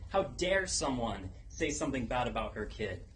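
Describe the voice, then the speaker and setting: A man's voice: medium pitch, sing-song. Young man's dramatic speech, noisy live recording. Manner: dramatic, deliberate delivery with pauses for effect. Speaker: contestant in a speech competition. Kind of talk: rehearsed personal storytelling speech. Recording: noticeable background noise, live event ambience.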